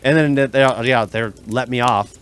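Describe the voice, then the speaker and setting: A man chatting casually on a podcast, blunt and rambling, with plenty of restarts. His voice sits at an ordinary middle pitch for a man. He complains openly about his coworkers. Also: moderate pace, fairly bright tone, clean tone. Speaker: podcast co-host. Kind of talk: casual chat.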